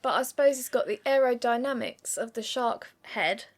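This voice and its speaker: Wry young woman, slightly high voice. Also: moderate pace, a little hiss or hum. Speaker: podcast co-host. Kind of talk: casual chat.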